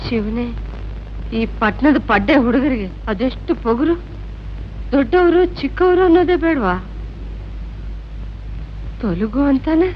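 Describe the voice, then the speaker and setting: A woman's voice: sits high, lively intonation, a little slow, long pauses, a little hiss or hum. An actress playing a poor, proud old grandmother who pleads and scolds, in 1980s film acting. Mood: indignant. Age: older. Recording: dull old film soundtrack.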